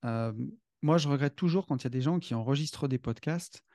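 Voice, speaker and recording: A man speaking as a guest on a podcast, enthusiastic and hesitant, filling pauses often, into a studio microphone. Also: mid-range voice, warm tone, no echo. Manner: enthusiastic, hesitant with many fillers. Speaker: podcast guest, financial coach. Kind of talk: casual podcast conversation.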